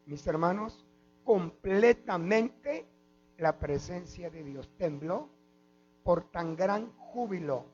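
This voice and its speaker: A man's voice: high-pitched, a little mellow. A man with a Mexican Spanish accent preaching a sermon as pastor, often stopping on "amen" and addressing the congregation as brothers. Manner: preaching with repeated "mis hermanos" and "amén". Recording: dull lo-fi with mains hum.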